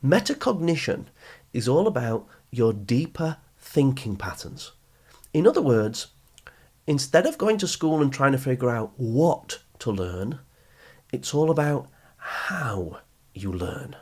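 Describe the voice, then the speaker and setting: His medium-pitched voice is darkish and slightly rough, moving a little slowly but with wide pitch swings. The British man hosts a motivational podcast as a study skills coach, addressing listeners directly with emphatic explanation, rhetorical questions, and repetition.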